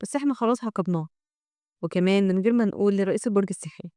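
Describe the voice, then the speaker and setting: A woman's voice: mid-range voice, rapid-fire, dark tone, smooth, no room sound, clean studio sound, natural voice. A woman with an Egyptian Arabic accent voicing a caring, fussy young woman guardian, reading her lines in a doting way.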